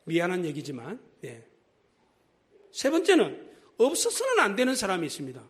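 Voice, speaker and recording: A man's voice: high-pitched, huge pitch swings, moderate pace. A man preaching a Sunday sermon as pastor in a church, acting out quoted voices as he goes. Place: church sanctuary.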